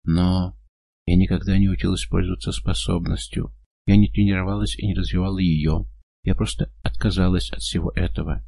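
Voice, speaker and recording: A man's voice: sits low, little pitch movement, fairly quick, gravelly, dark tone, no room sound. A man voicing a frightened, tearful young woman who pleads and sobs with a breaking voice. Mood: sobbing.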